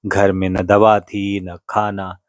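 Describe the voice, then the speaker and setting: A man's voice: low-pitched, completely flat delivery, takes it slowly, no room sound. A man narrating a devotional story in an earnest, dramatic way.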